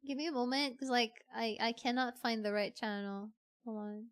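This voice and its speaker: A VTuber streamer from the Philippines, speaking with a Filipino accent, chats casually on a livestream and often repeats phrases for emphasis. Her voice sits on the high side, at a moderate pace.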